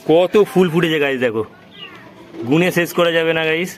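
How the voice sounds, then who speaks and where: Casual male family vlogger, coaxing tone, somewhat high pitch, background noise. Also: fairly quick, poor audio. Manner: chatty, coaxing with small children. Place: home and rooftop outdoors.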